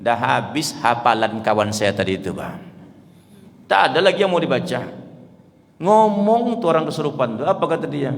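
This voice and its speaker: A man preaching a lively storytelling sermon, often addressing listeners directly. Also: medium pitch, normal speed, gravelly. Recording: reverberant hall.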